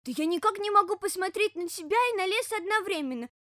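A naive, playful little male bear cub who gets carried away with eager excitement, as a woman puts him on. His voice rides high and loud, with a dry, close sound. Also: fast, dry recording. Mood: excited. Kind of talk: storybook reading.

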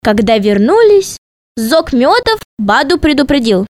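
A woman narrating a children's storybook in a playful, expressive way. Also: high voice, a little slow, dry recording.

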